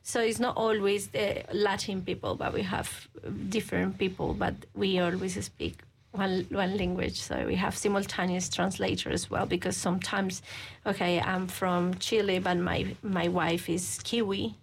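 Woman, earnest, halting guest. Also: medium pitch, little pitch movement, vocal fry, breathy edge, rough recording. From Colombia. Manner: earnest, halting speech with frequent restarts. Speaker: guest, women's ministry leader. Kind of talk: conversational interview.

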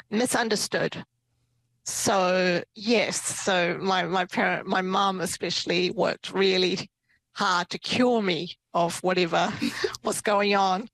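A property investor and entrepreneur, born in Myanmar and moved to New Zealand as a child, tells her story in a casual, light-hearted way as a podcast guest in an interview. Her fairly low voice has vocal fry, a slightly bright quality and fairly even intonation at a slow pace, though the recording is low-quality.

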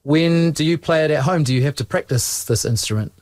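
New teacher, patient questions. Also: male voice, a little high, fairly quick, darkish tone, no room sound. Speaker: school teacher. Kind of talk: interviewing students. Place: school.

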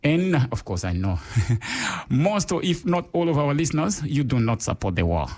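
A man from Rwanda co-hosting a casual radio chat show, talking in an animated way with many fillers. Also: on the high side, moderate pace. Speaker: radio co-host.

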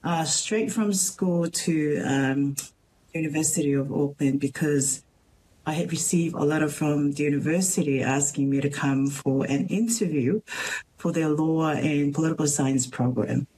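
A woman from Tonga with a Tongan accent, a teacher speaking as a guest in a radio interview, earnest and halting with many pauses and restarts. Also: deep voice, dark tone, husky, low-quality recording. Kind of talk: radio interview, personal story.

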